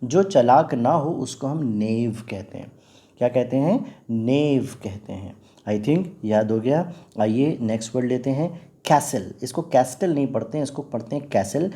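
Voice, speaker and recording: A man's voice: medium pitch, animated, a little slow, warm tone. A man with an Indian accent teaching English vocabulary in Hindi, patiently repeating and spelling out words. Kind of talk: explaining word meanings in Hindi with English terms.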